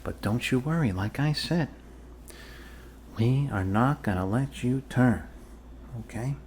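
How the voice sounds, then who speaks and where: With a darkish tone and lively intonation, a man speaks slowly in a mid-pitched voice as a goofy, reassuring doctor in an improvised ASMR roleplay. He rambles and jokes casually over faint background noise.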